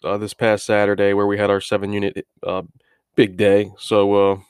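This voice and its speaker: A man hosting an informal solo sports betting recap, speaking haltingly with many filler words and often repeating words as he restarts phrases. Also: lowish voice, monotone, a little mellow, clear, resonant tone, no room sound, studio quality. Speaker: sports betting podcast host.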